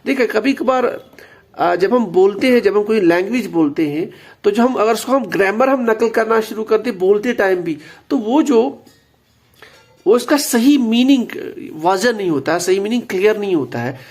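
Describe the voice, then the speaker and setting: A man with a high voice and a gravelly edge explains grammar step by step, patiently going back over each key word. He slips English terms into his explanations, like a teacher working through a text with students. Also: expressive, a little mellow. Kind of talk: explanatory lesson.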